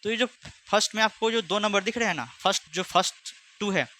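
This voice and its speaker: Bright-voiced chatty maths teacher. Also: male voice, high-pitched, quick pace, slight background noise. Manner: chatty, teasing, speaks both sides of a pupil dialogue. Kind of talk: online class lesson with imagined student back-and-forth.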